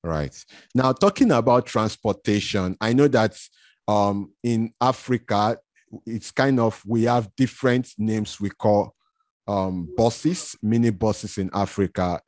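A man hosting an interview, asking questions in a relaxed, chatty way. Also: fairly low pitch, takes it slowly, dry recording. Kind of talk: casual conversational interview.

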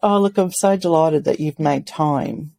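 A woman's voice: deep voice, unhurried, creaky, dark tone, no echo, studio quality. A woman in her fifties hosting a podcast, playful and gushing as she teases and introduces her guest. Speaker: podcast host. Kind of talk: casual interview chat.

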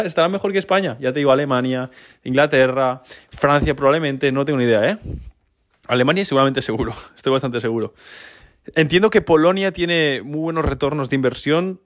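Fast-talking young Spanish man. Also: a little high. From Spain. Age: 20s. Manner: fast, chatty, informal, with frequent tag questions. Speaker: podcast host. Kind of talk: casual business podcast monologue.

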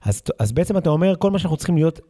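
A man's voice: fairly high pitch, expressive, warm tone. A middle-aged man hosting a casual interview who reflects thoughtfully. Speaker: interviewer host.

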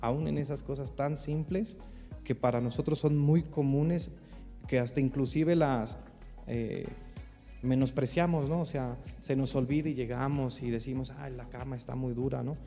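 A pastor with a Mexican accent tells a story in an animated way. He acts out the dialogue and fills his speech with fillers. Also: medium pitch, unhurried, long reverb tail, soft background music. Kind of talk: storytelling testimony.

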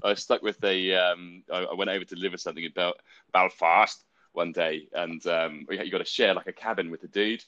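A man's voice: deep voice, brisk, no echo, lo-fi sound. A man co-hosting a podcast, chatting casually and telling stories with frequent laughter. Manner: laughing, animated storyteller. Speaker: guest podcast host. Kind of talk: casual chat.

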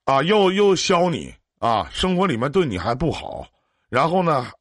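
A man's voice: fairly high pitch, big pitch swings, moderate pace, dry recording, clean studio sound. A man hosting a livestream emotional advice show, talking emphatically with pointed rhetorical questions. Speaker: livestream radio host.

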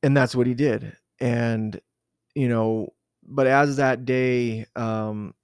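A man's voice: mid-range voice, steady tone, takes it slowly, darkish tone, smooth, dry recording, studio quality. A man from southern Arizona recalling a personal memory in an unscripted interview, hesitant and reflective, with many fillers and restarts. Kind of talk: unscripted oral-history recollection.

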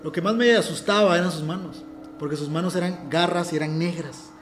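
A man's voice: on the high side, brisk, faint music behind. Mexican man recounting a story, roomy sound. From Ciudad del Carmen, Mexico. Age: adult. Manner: earnest, self-aware, often restarts phrases. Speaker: guest telling a personal story. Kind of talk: casual storytelling in a conversation.

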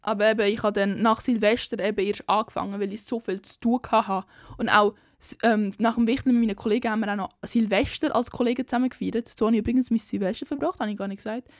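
A woman's voice: medium pitch, fairly even intonation, quick pace, no room sound, clean studio sound. A young woman with a Swiss German accent, talking in a chatty, slangy, candid way in a casual vlog chat. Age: young adult. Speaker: vlogger.

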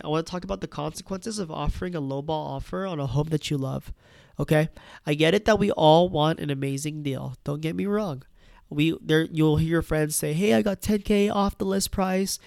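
A man, stuffed up from a cold, talks through home-buying advice in a relaxed, chatty way. His voice sits a bit high and has a gravelly edge, and the sound is dry and close. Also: no echo. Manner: conversational, tags points with "right?" and "you know". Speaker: real estate agent. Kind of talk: casual advice talk to camera.

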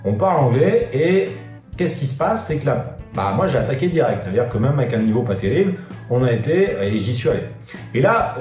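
This online business coach has a mellow, mid-range voice and offers business tips directly to camera in a relaxed way. His speech is informal and slangy, peppered with fillers, and he calls the viewer "tu." The room echoes, and soft guitar music can be heard.

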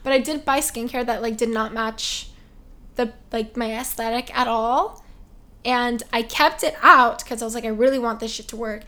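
A woman's voice: a little high, steady tone, normal speed, pushed and bright. A young woman co-hosting a podcast in casual chat, chatty and self-mocking. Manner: chatty, self-mocking, acts out quoted voices. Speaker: podcast co-host.

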